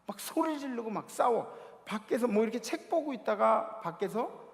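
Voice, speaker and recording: Animated high-voiced male preacher in a reverberant church. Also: normal speed, gravelly. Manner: animated storytelling, acting out shouted quotes. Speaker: youth worship preacher. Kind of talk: sermon. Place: church sanctuary. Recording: long hall reverb of a church.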